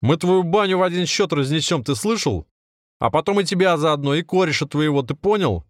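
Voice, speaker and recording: A man playing a twitchy young sidekick who swings from yelling to anxious hushed muttering; the voice sits higher than the reader's own and the sound is dry and close, an audiobook underling. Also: expressive, brisk, dry recording, close to an everyday voice. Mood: shouting. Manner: shouting, then hushed and uneasy. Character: nervous young male sidekick, pushed to anger.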